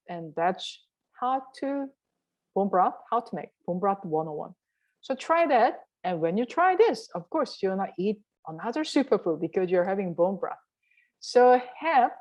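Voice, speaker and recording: Her voice sits lowish and a little mellow, and the recording is dull. She's a Korean woman who vlogs about health and cooking, walking viewers through a recipe in a chatty, encouraging way and asking "right?" again and again.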